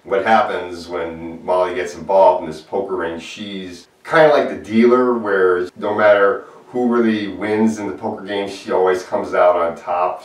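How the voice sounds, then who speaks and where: A man with a low voice gives an earnest, plain-spoken film review in a solo video. He is a movie reviewer recorded off-mic with a distant microphone in an echoey room.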